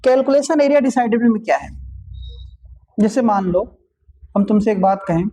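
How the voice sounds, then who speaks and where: A man who teaches physics, giving exam tips in a relaxed classroom talk, repeating each point and joking with students. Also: high-pitched, moderate pace. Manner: chatty, repeats each point, calls students "bhai", light jokes.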